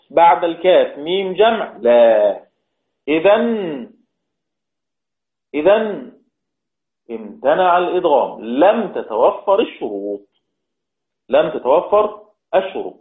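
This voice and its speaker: A man teaching a religious lesson on Quran recitation. He explains step by step, repeats key words and draws out the example words slowly. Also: a little high, big pitch swings. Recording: tinny phone-like sound in an echoey room.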